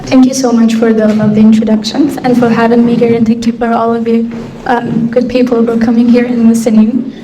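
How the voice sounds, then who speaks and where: A woman's voice: a little high, little pitch movement, fairly quick, dark tone. Young woman from Afghanistan, distant in an echoey hall. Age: young adult. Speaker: guest speaker. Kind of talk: answering interview questions. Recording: echoey hall, voice from far off mic, faint noise.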